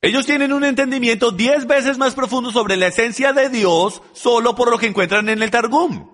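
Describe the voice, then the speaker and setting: High-voiced man preaching in a reverberant hall. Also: moderate pace, fairly bright tone. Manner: emphatic, addresses the audience directly. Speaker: Bible teacher. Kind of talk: teaching sermon.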